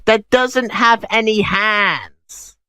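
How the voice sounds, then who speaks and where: A man's voice: high-pitched, sharp tone, clean tone, no echo. A man hosting a sarcastic commentary over clips, mocking what he sees. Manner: snarky, mocking, unhurried. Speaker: host.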